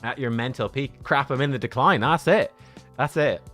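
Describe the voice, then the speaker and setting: With faint music behind him, a man in his 30s livestreams a game and talks casually with his viewers, rambling and poking fun at himself. He has a mid-range, slightly bright voice and a moderate pace.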